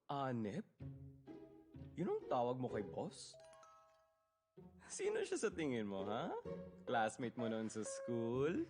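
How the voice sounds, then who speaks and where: A man's voice: mid-range voice, wildly swooping pitch, slow, pauses often, over music, exaggerated voice. A man dubbing a playful, smug young coworker who teases in a sing-song way. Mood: teasing.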